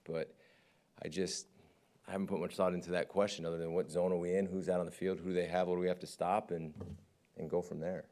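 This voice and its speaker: Deep-voiced football coach at a press conference. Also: male voice, flat delivery, fast, mellow, a little hiss or hum. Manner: candid, conversational, often asks "right?". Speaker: defensive coordinator.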